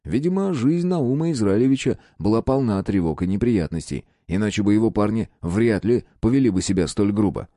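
Low-voiced man narrating an audiobook. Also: animated, fairly quick, few pauses, dark tone, no room sound, clean studio sound. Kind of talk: first-person audiobook narration.

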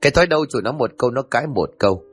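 A man voicing a hot-tempered old male village official who shouts and scolds. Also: medium pitch, lively intonation, rapid-fire, breathy edge, faint music behind. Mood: angry scolding.

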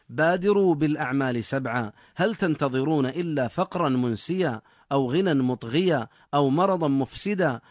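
A man giving a scripted religious radio talk in formal standard Arabic, as a scholar with formal, measured oratory. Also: mid-range voice, dry recording, studio quality.

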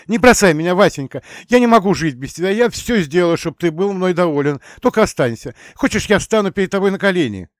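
A man's voice: on the high side, big pitch swings, moderate pace, dry recording, studio quality, pitched above the performer's own voice. A man voicing a hysterical, desperate woman who shrieks, sobs and pleads in an audiobook. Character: hysterical desperate woman, knife-wielding, screaming.

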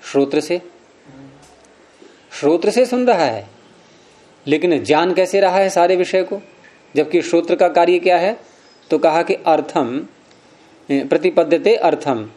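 A man's voice: a little high, mellow. A man teaching Sanskrit philosophy in to a class, reciting sutras and questioning his students as he goes. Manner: questions the class often, repeats key words, Sanskrit recitation. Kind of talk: classroom lecture explaining sutras.

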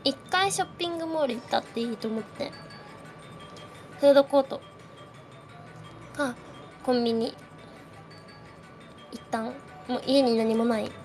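A woman's voice: fairly high pitch, moderate pace, long pauses, faint music behind. Nervous young woman hosting a chatty space. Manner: nervous, shaky voice, frequent nervous laughs. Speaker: streamer hosting a live audio space. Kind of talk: casual chat greeting listeners.

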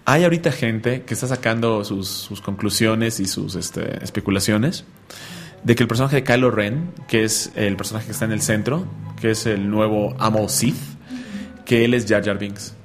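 A man's voice: lowish voice, normal speed, soft background music. A man hosting a radio talk show, chatting and telling stories with a joking manner. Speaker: radio host. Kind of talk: casual radio chat.

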